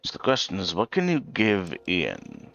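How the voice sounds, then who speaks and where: A man's voice: low-pitched, huge pitch swings, moderate pace, creaky, fairly bright tone, muffled recording, soft background music. A man explaining a game to a friend in casual chat, patient and hesitant with many ums, tired after waking very early. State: tired, awake since early morning. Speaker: co-host guiding a friend's game. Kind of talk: casual let's play chat.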